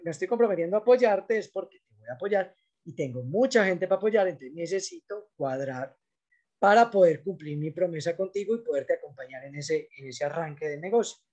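A man's voice: high voice, a little mellow, dull audio. A man giving a business training talk, coaching salespeople in an emphatic, direct way.

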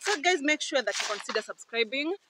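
A woman's voice: high voice, animated, a little fast. A young woman explaining step by step in a cheerful, casual vlog chat outdoors on a farm, picked up by the vlogger's phone. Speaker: guest. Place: outdoors on a rural maize farm. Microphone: vlogger's phone camera. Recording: outdoor farm noise behind.

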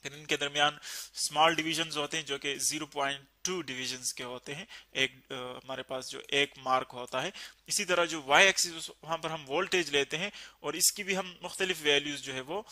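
A man teaching a physics lesson, explaining slowly and repeating key terms. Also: a little high, pushed and bright.

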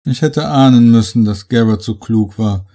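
A man voicing a sly, scheming host in a horror audiobook, his voice raised and excited. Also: medium pitch, normal speed, natural voice. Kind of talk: audiobook character voice.

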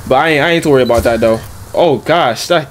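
A man giving casual let's-play commentary, talking in slang and reacting out loud to the game. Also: mid-range voice, quick pace, slight background noise. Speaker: gaming YouTuber.

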